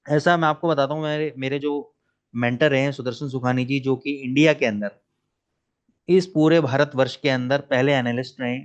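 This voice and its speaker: A man's voice: mid-range voice, fairly even intonation, normal speed. A man teaching trading in a webinar, earnest and persuasive, often checking in with his listeners. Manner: earnest, persuasive, many "theek hai na" asides. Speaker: trading trainer. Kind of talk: webinar lecture. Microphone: online webinar call.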